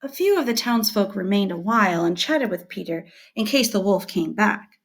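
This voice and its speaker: Scripted teaching material is read aloud by a female teacher at medium pitch. Her delivery is clear, careful, and expressive.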